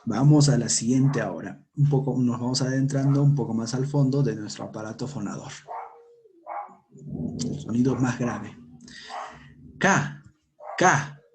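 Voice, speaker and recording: A man teaching a language lesson, saying each sound and word slowly and repeating it for learners to copy. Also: mid-range voice, background noise. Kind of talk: slow pronunciation lesson.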